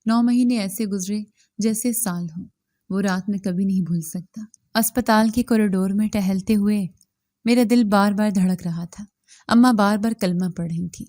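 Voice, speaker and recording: A woman narrating a moral story in a steady, even reading voice. Her tone is mellow and dark, and the recording is close and dry with no room sound. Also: medium pitch, no echo.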